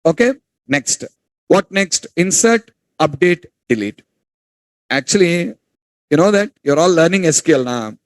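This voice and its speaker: A man lectures a classroom, his voice fairly high. He repeats key points and fires questions at the students, turning sharp when they mumble. The sound is dry and close. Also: lively intonation, unhurried, pauses often, dry recording, poor audio. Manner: repetitive, quizzes students, scolds them for whispering. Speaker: teacher.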